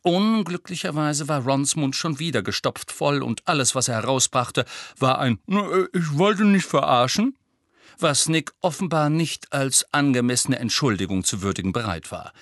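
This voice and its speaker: A man reading a children's fantasy audiobook aloud in an even storytelling voice at a medium pitch. The sound is dry and close, with no room in it. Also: normal speed, hardly any pauses, no echo. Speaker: audiobook narrator. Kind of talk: scripted narration.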